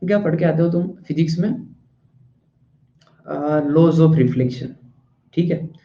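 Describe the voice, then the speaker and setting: A man's voice: on the high side, slow. A male teacher lecturing a class in a chatty way, stopping after each point to ask if the students follow, and at times scolding them bluntly. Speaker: math and physics teacher. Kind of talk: classroom lecture in Hindi-English mix. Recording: echoey room, dull lo-fi sound.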